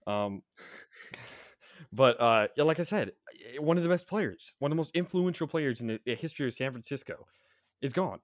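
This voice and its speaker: A man's voice: medium pitch, lively intonation, normal speed, no room sound. Rambling young man talking sports. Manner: rambling, stuttering restarts, opinionated. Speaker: sports podcast co-host. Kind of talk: casual sports talk. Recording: dry, dull lo-fi sound.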